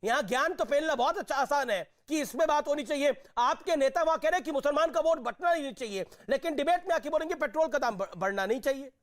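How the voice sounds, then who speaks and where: A man's voice: very high voice, lively intonation, fast talker, hardly any pauses. A man anchoring a televised news debate, pressing and repeating his questions over interruptions and then closing the show. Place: TV studio.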